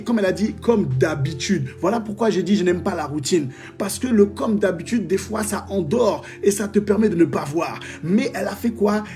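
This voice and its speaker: A man preaches on a live stream in a fairly high voice, with soft music playing behind him. He reads out testimonies and breaks into exclamations and jokes with his viewers.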